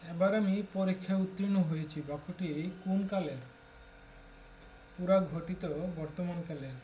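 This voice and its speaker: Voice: mid-range voice, moderate pace, warm tone, slight background noise. A tutor from Bangladesh steadily reading exam questions aloud and announcing each answer in turn.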